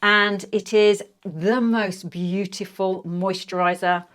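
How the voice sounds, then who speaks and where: A woman's voice: mid-range voice, steady tone, takes it slowly, fairly bright tone. A woman over fifty chatting casually to camera as a beauty vlogger, gushing and enthusiastic about each product.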